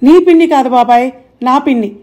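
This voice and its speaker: A woman's voice: high-pitched, fairly quick, dark tone, voice pushed up, natural voice. A woman voicing a sixty-year-old man, a worried nephew who speaks in an earnest, pressing way. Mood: urgent.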